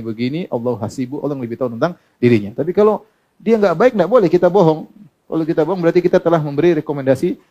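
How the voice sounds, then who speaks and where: Man preaching in a mellow voice. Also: fairly high pitch. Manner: asks the audience questions and answers them himself; quotes Arabic texts and translates them. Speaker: Islamic preacher. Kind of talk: sermon.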